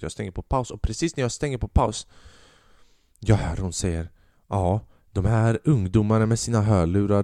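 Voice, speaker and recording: A man's voice: mid-range voice, dry recording, clean studio sound. A man in his twenties, a podcast host and stand-up comedian, telling rambling, profane comic stories in a casual monologue. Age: 20s. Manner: profane, rambling, animated storytelling.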